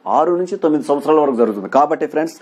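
Husky man teaching like an exam coach. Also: a little high, lively intonation, rapid-fire, darkish tone. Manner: repeats key points as quiz questions and answers; stresses points with "very, very important". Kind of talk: exam-prep lecture.

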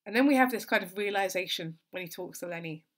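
A woman tutor giving an exam-revision literature lesson, explaining in a steady, thoughtful way with lots of "so" and "kind of". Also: mid-range voice, quick pace.

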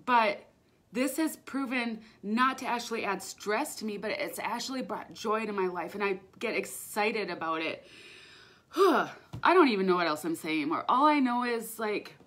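A young woman hosting a casual livestream from home, emotional and tearful, excitable, laughing often between her words. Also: mid-range voice, normal speed. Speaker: livestream host, direct seller. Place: at home, indoors. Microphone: phone or webcam.

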